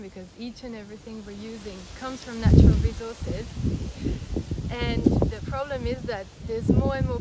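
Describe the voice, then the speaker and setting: In a casual interview recorded outside in India, with clear background noise, a thirtysomething woman from Belgium, raised in France, earnestly lays out her views step by step. Her voice runs on the high side, calm, with frequent restarts.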